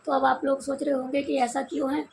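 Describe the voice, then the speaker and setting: A young woman from India with a hoarse voice, telling her viewers a story in a casual, confiding vlog chat. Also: high voice, flat delivery, fast, a little mellow, slight background noise. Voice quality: gravelly. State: hoarse from crying and shouting. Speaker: vlogger.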